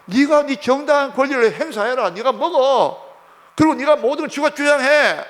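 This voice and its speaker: A man voicing a sly male devil who tempts and goads, loud and insistent, in a reverberant church hall. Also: very high voice, lively intonation, moderate pace, pitched above the performer's own voice. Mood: goading. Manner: taunting, egging on, loud and insistent.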